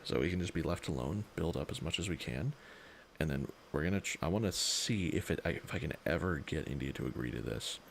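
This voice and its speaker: A worn-out man talks through his strategy game as a casual live stream, rambling and thinking aloud. His voice sits very deep and is heavily gravelly with fry. Even tired, his pitch still swings around a lot, over a faint hiss. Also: a little fast. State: exhausted.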